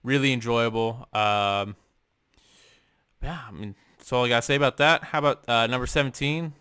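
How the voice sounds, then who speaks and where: A young music vlogger ranks albums from his room at home, rambling with lots of ums and uhs and swearing offhandedly. His mid-range voice is bright, forceful and smooth at a moderate pace, captured dry with studio quality.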